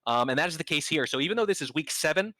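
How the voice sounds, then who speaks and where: A male esports co-caster with a bright, pushing tone and a dry, close-miked sound. He talks in a chatty, sarcastic way, cracking jokes between points of analysis. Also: on the high side, animated, rapid-fire, dry recording. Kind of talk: esports commentary.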